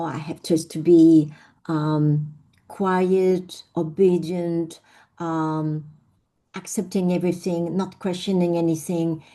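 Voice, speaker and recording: A middle-aged Frenchwoman with a French accent and a warm, fairly low voice is an invited speaker at an online session. She tells her personal story reflectively, with many fillers and restarts.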